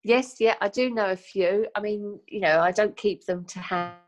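Mature woman chatting, mid-pitched voice. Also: moderate pace. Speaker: podcast guest. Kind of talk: casual chat.

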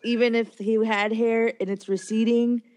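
A woman co-hosting a casual chat, laid-back and quick to laugh. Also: on the high side, flat delivery, a little mellow. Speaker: podcast co-host.

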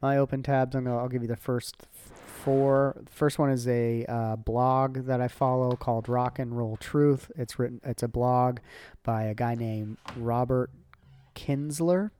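Very deep-voiced woman hosting a podcast. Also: fairly even intonation, a little slow, warm tone, clean tone. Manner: rambling, lots of fillers. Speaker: podcast host. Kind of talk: casual podcast chat.

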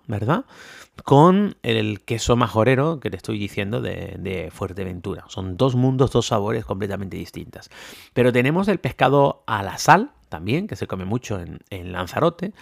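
Gravelly Tenerife man, chatty podcast host. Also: mid-range voice, dry recording, clean studio sound. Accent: mixed Canarian and peninsular Spanish. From Tenerife, Canary Islands. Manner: chatty, enthusiastic, many fillers and tag questions. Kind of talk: casual solo podcast talk.

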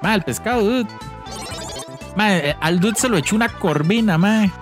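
A Costa Rican man with a slightly high voice hosts a casual gameplay chat, full of slang and stray English words. Game music plays clearly behind him. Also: expressive, normal speed. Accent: Costa Rican Spanish. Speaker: co-host.

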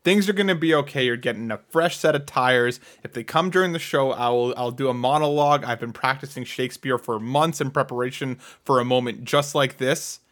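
A man's voice: mid-range voice, steady tone, a little fast, hardly any pauses, a bit bright. A man co-hosting a gaming podcast, joking around and reassuring his co-host in casual chat.

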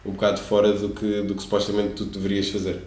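A man's voice: fairly low pitch, monotone, quick pace, darkish tone, roomy sound. A young man in casual conversation as an interviewer, slangy and full of filler words. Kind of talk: casual chat.

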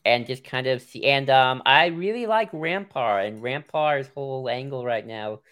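A man co-hosting a live podcast in casual chat, musing in a relaxed way with many ums and you-knows. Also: mid-range voice, normal speed. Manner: easygoing, filler-heavy musing with laughs. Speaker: podcast co-host.

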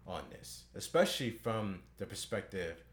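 A man in his thirties hosting a podcast, speaking earnestly and at a measured pace with filler "uh"s. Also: on the low side, big pitch swings. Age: 30s. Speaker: podcast host. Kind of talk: podcast introduction.

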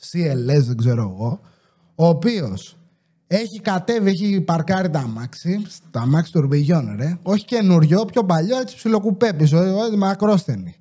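A man's voice: a little high, dark tone. A man hosting a podcast, telling a rambling comic story in a casual way, swearing freely and acting out the voices of the people he quotes. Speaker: podcast host.

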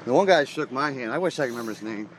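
A man from Ireland, co-hosting a casual chat and telling a story in a relaxed way, laughing easily. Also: mid-range voice, very fast, noisy background. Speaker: podcast co-host. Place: outdoors on a run.

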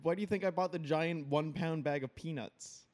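A man's voice: on the high side, fairly even intonation, moderate pace, a little mellow. A man co-hosting a podcast, talking in casual, conversational banter. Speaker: podcast co-host.

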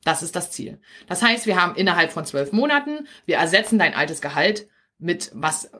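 Her voice is on the low side, slightly rough yet fairly bright. She's a business coach with a Berlin accent, live-streaming a chatty, direct talk, regularly checking in with viewers and ending points with "okay?"

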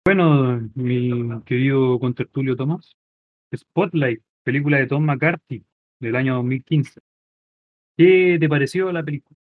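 A man hosting a film podcast, questioning and teasing his co-host. His voice is mid-pitched and comes through tinny and phone-like. The sound is completely dry. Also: a little slow, dry recording. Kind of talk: casual film chat.

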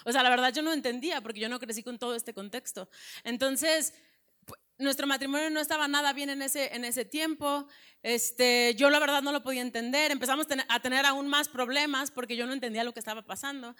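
A woman's voice: high-pitched, steady tone, fairly quick, sharp tone. A woman pastor in her thirties with a Mexican Spanish accent, sharing her testimony in an earnest, conversational sermon with frequent restarts. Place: church breakfast event.

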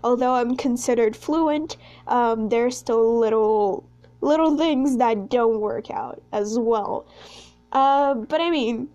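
A sixteen-year-old Portuguese-speaking girl from Brazil hosts a solo podcast, chatting in a rambling, self-conscious way. Her voice is fairly high and darkish in tone, and she speaks slowly. The audio is dull.

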